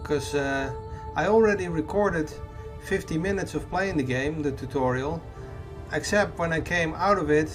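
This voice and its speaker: Speaking at a normal speed in a fairly high voice, this YouTuber rambles through casual let's play commentary while gaming, hesitating, putting himself down, and frequently correcting himself. A desktop mic picks him up over the game audio, and game music runs in the background.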